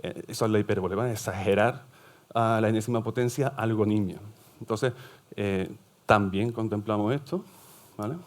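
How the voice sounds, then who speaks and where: Low-voiced man. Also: normal speed, darkish tone. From southern Spain. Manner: explanatory, often checks in with "¿vale?". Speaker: primary school teacher and psychopedagogue presenting at a forum. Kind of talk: conference talk.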